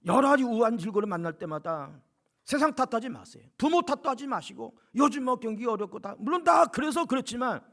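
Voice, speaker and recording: A man's voice: very high voice, animated, brisk, a bit bright. A male pastor preaching a sermon, exhorting emphatically with rhetorical questions and repetition.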